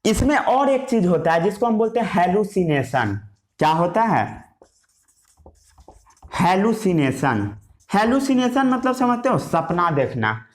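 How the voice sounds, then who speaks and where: A high, sing-song male voice, a little slow, leads a Hindi science lesson that borrows English terms. The teacher writes as he talks, repeatedly asking questions and answering them himself while stressing key words.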